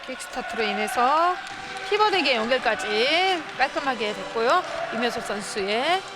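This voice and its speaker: A woman's voice: a little high, very animated, moderate pace, crowd noise, noisy background. A woman giving live color commentary on handball, explaining plays and tactics in an analytical way.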